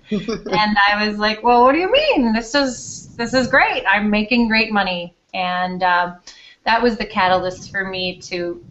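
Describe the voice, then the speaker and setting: In an interview, this woman from Denmark, who teaches elementary school, chats candidly and pokes fun at herself while recounting her story. She speaks at a measured pace in an animated, medium-pitched, slightly bright voice, and the slightly dull lo-fi recording carries a faint hiss or hum.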